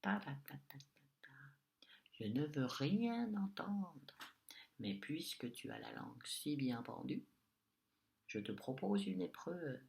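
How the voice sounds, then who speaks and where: A man voicing a mean old witch with a small, sharp, sour voice, a whispered role-play as he reads a storybook tale. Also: medium pitch, very animated, slow, gravelly, pauses often, exaggerated voice. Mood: sneering. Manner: sneering, mocking.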